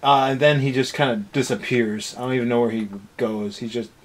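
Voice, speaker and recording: A man with a mid-range voice and fairly even intonation co-hosts an anime review show, talking a little fast. He rambles sarcastically through a casual ranting review chat.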